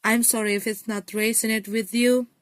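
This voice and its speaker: A woman's voice: on the high side, little pitch movement, moderate pace, no room sound. A woman giving a casual tarot reading to her viewers, encouraging, repeating phrases and often saying "you know". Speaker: tarot card reader.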